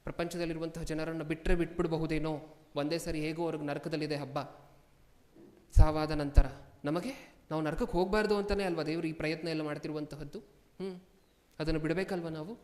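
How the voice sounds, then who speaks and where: A man preaching a sermon as a pastor, firing questions at his congregation and repeating lines for emphasis, moving between hushed asides and loud outbursts. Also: fairly high pitch. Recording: long hall reverb.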